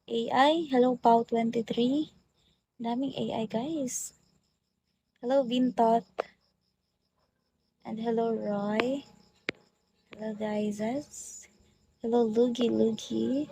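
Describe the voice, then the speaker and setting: Woman streamer on a phone, a bit high-pitched, greets viewers one after another in casual chat. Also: fairly even intonation, takes it slowly, vocal fry, pauses often, background noise. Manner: chatty, rattles off viewer greetings. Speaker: livestream host.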